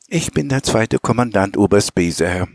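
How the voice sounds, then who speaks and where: A friendly middle-aged colonel speaks with polite authority in a storybook reading, voiced by a man. His voice sits a little lower than the storyteller's own. The sound is dry and close. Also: expressive, moderate pace, vocal fry, no echo. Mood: formal. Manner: courteous, commanding.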